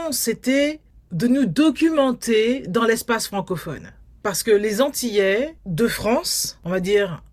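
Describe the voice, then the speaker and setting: A woman documentary filmmaker from Guadeloupe, speaking in an interview and acting out the inner thoughts she quotes. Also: mid-range voice. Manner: animated storyteller, acts out quoted inner thoughts. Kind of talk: interview conversation.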